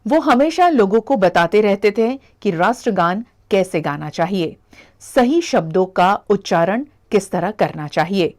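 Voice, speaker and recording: A woman reporter reading a scripted news voice-over in a measured, formal way. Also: medium pitch, lively intonation, a little mellow.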